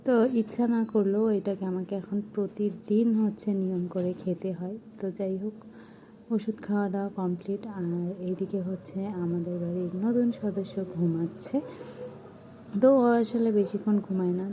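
A young woman narrating her home vlog in a soft, hushed voice-over. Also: mid-range voice, steady tone, normal speed, a little hiss or hum. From Bangladesh. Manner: soft, hushed talk so a sleeping child stays asleep. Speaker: vlogger.

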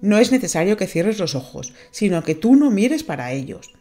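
A woman voicing a quick-tempered, jealous young sailor boy in a storybook, speaking in a halting, strained way. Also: medium pitch, big pitch swings, mellow, soft background music, pitched above the performer's own voice, natural voice.

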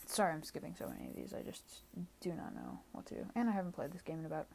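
A woman's voice: low-pitched, wildly swooping pitch, very fast, creaky, darkish tone, slight background noise. A woman doing casual gameplay commentary at home, always sounding tired, offhand and rambling. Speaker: gaming channel creator. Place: home room. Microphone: desk microphone.

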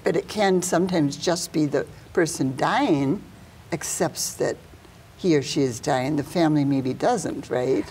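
An older woman in about her seventies hosting an interview, asking questions in measured phrases with pauses. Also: sits low, a little mellow, slight background noise. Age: older, about 70s. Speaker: talk show host, interviewer.

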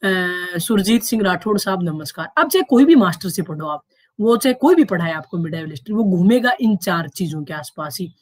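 A woman teacher giving an online exam-prep history lecture, quizzing her class with rhetorical questions, lifting her pitch on each question and slowing down to stress key terms. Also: animated, dry recording.

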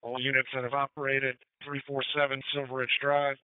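A man's voice: mid-range voice, completely flat delivery, brisk, clean tone, no room sound. A man working as a dispatcher, making formal, procedural announcements over a crackly emergency radio. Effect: crackly two-way radio. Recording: phone-like crackly radio scanner audio.

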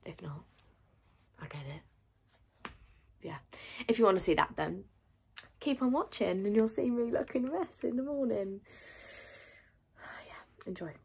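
A young woman vlogging casually at home, chatty and rambling, poking fun at herself and dropping into soft whispery asides. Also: medium pitch, animated, a little slow, creaky, long pauses, husky. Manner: chatty, rambling, self-mocking. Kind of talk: casual vlog chat.

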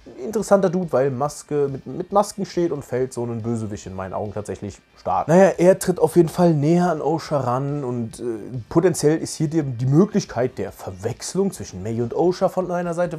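A man's voice: fairly high pitch, lively intonation, fairly quick, mellow, slightly rough, faint music behind. A man hosting a casual video review from his couch, chatty and slangy, mixing in English words. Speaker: channel host reviewing a series. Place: sitting on a couch at home.

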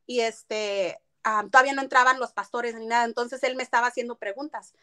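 A woman's voice: a little high, fairly even intonation, fairly quick, pushed and bright. A woman giving a personal testimony in an interview, telling her story earnestly and slipping into English phrases. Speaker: interviewee recounting her past.

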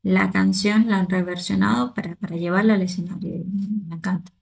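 Gravelly-voiced woman gushing over a performance. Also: mid-range voice, brisk. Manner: excited, repeats words, many restarts. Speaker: choreographer and dance teacher reacting to videos. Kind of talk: casual reaction commentary.

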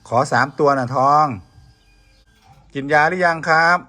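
A man's voice: on the high side, a little slow, pushed and bright, soft background music. A man with a Northeastern Thai accent chatting casually and coaxingly, repeating short questions insistently. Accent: Northeastern Thai (Isan). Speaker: video host talking to a pet bird.

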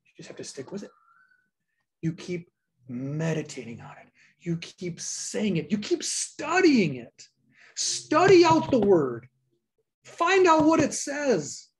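A woman's voice: medium pitch, wildly swooping pitch, slow pace, husky. A woman pastor giving a sermon, reading scripture aloud and repeating key lines for emphasis.

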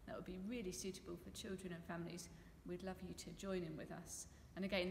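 A British woman serving as vicar reads out notices to her congregation inside a stone church. Her voice is fairly low with vocal fry. The church echoes with long reverb, and there's faint noise.

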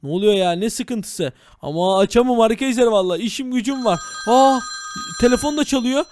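A man's voice: very high voice, lively intonation, fairly quick, noisy background. A man hosting a game role-play video, talking dramatically to viewers and exclaiming as a village head.

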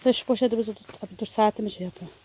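A woman's voice: mid-range voice, racing, dark tone, a little hiss or hum. Chatty woman giving a garden tour. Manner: chatty, addressing viewers and her small daughter while walking. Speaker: vlogger and mother. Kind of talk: casual garden tour vlog. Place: outdoor home garden in the countryside near a mountain. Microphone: handheld camera.

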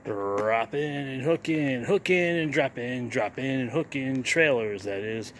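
A man's voice: mid-range voice, a little slow. A man in his forties, a truck driver vlogging from his cab on a headset mic, talking casually with wry sing-song asides and some grumbling. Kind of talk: casual vlog narration. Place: inside a truck cab while driving. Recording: road noise in a truck cab. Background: engine and road noise.

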